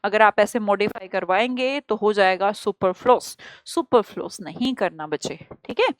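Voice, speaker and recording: A woman with an Indian accent teaching an exam-prep grammar lesson, explaining lively and asking her students rhetorical questions. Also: medium pitch, moderate pace, no room sound.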